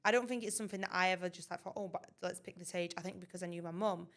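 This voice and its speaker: A woman's voice: lowish voice, steady tone, very fast, a bit bright. A woman, co-hosting a podcast in a chatty way and laughing often. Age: 20s. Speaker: podcast co-host. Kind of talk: casual chat.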